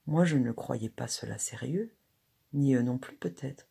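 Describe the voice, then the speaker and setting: A woman reading a classic short story aloud in a measured, expressive way. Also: a bass voice, gravelly, breathy edge. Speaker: reader.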